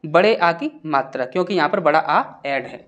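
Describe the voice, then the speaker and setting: A man's voice: fairly high pitch, expressive, a bit bright. Male tutor explaining step by step. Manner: explains step by step, asks and answers his own questions; sounds out syllables slowly and with stress. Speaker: Hindi grammar teacher. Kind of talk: classroom-style lesson.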